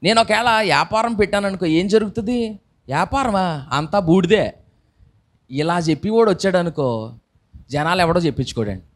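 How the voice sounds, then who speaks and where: A man preaching a sermon into a microphone, lively and full of rhetorical questions, acting out the voices of people he describes. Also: sits high, moderate pace, pauses often. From India. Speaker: pastor.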